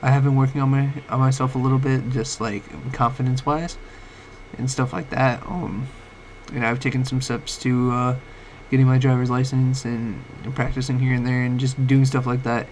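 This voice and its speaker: Sick and late at night, a young man vlogs in a medium-pitched, level, darkish voice that occasionally cracks. The rough recording comes through a home mic of uneven volume with faint hiss, as he rambles and halts with many fillers and restarts.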